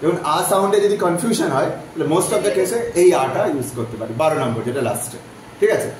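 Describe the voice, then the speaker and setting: A man teaching a phonetics lesson, repeating vowel sounds slowly so students can follow. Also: fairly high pitch, sing-song. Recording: very echoey room, voice from off-mic, faint background noise.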